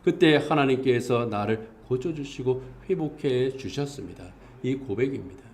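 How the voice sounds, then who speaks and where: A man's voice: mid-range voice, animated, moderate pace, darkish tone. A male pastor delivering a Sunday sermon, earnest in tone, his voice rising for emphasis and reading scripture aloud. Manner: reads scripture aloud with the congregation.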